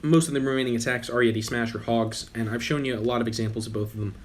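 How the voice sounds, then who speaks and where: This is casual game commentary from a young male channel host whose voice sits at medium pitch and moves quickly. He's losing his voice, talks loosely over the footage, and often backtracks to fix what he said.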